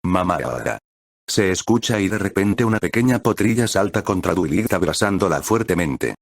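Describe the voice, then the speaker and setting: A man reading fan fiction aloud in steady, plain narration. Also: deep voice, a little fast, dry recording, clean studio sound. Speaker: story reader.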